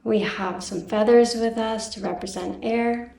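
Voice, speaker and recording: A woman leading a guided meditation, giving slow, gentle instructions. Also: fairly high pitch, steady tone, creaky, far from the mic. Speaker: guest meditation teacher. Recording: echoey room, voice a bit off-mic.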